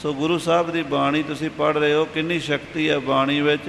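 A man giving a calm, instructive sermon, explaining how scripture should be read. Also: a little high, a little fast, creaky. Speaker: religious teacher explaining scripture. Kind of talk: sermon with reading guidance. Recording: echoey hall with faint hiss.

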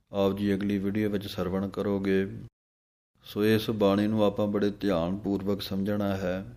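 A man teaching correct recitation of scripture, drawing out each verse slowly and then explaining how to pronounce it plainly. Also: on the low side, mellow. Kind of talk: slow, careful recitation lesson.

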